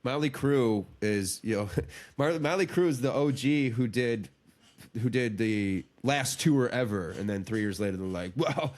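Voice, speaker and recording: A man's voice: medium pitch, unhurried, darkish tone. A man co-hosting a podcast in casual, crude, joking chat that rambles and restarts. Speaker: podcast co-host.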